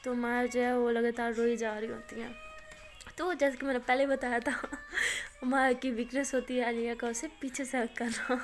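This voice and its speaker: A woman's voice: a little high, little pitch movement. Chatty woman telling a story. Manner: chatty, many fillers. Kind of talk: casual spoken storytelling.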